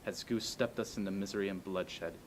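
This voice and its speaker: A man giving an earnest recitation of a speech with measured, declamatory phrasing. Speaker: amateur performer. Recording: faint noise and low rumble.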